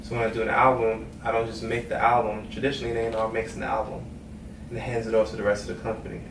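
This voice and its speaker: Talking fast in a fairly low, monotone voice, this Trinidad-born, Brooklyn-raised music executive keeps his interview easygoing and chatty, dropping "you know what I mean" again and again. The sound comes from a far-off mic in an echoing, noisy space.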